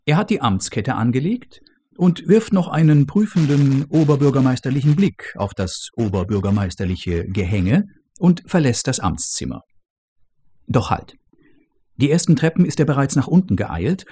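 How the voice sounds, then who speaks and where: A man reading a story aloud in an expressive, dramatic narrating style. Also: mid-range voice, normal speed, slightly rough.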